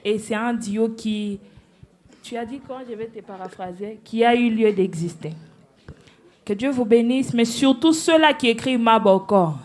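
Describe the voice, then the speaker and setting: A woman's voice: on the high side, normal speed, darkish tone. A woman giving live feedback to singers as a competition judge, encouraging each act and blessing them.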